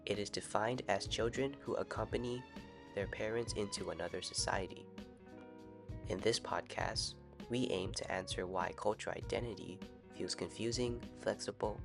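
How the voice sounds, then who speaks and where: Over background music, a podcast host with a low-leaning, creaky voice reads his scripted narration evenly. Between passages he asks his guests brief questions.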